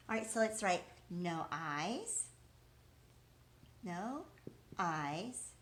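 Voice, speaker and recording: A woman with a fairly high, slightly bright voice leads an interactive lesson for young children. She encourages them, poses questions and answers as though responding to the kids, repeating the key words.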